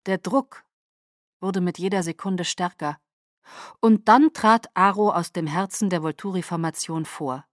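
A woman narrating a novel in first person, measured and dramatic, close to the mic. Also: lowish voice, no echo. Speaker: audiobook narrator.

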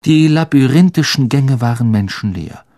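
A man reading a story aloud as narrator in an expressive storytelling manner. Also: mid-range voice, normal speed. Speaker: audiobook narrator. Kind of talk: scripted narration.

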